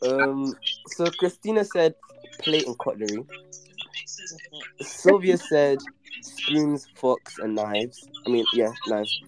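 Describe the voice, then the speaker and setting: A man's voice: medium pitch, lively intonation, slow, over music. A man hosting a podcast quiz over a phone call, reading riddles with lots of hesitant fillers and teasing bickering. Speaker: podcast host, quizmaster. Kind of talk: casual group chat, reading riddles.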